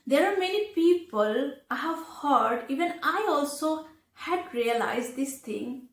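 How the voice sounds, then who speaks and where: A high-voiced woman, not a native English speaker, is an English teacher presenting an instructional video for learners. She talks slowly and deliberately with lively intonation, splitting her advice into short phrases. The room is echoey, adding a clear echo.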